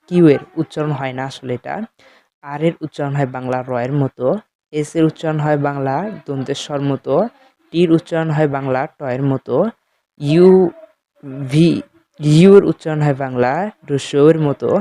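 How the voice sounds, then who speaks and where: A man teaching beginners in a slow, explanatory way with a Bengali accent, talking directly to his students. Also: mid-range voice, mellow, a little hiss or hum. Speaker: English teacher. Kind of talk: spoken lesson.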